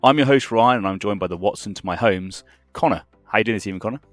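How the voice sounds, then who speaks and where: Fast-talking, jokey male podcast host. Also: on the low side, a bit bright, no room sound, faint music behind. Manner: upbeat and jokey, quick with playful introductions. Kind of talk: casual podcast chat.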